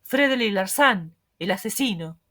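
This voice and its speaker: A woman reading the lines of a bold young male reporter, calm, unhurried and sure of himself. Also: mid-range voice, close to an everyday voice. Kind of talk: audiobook reading.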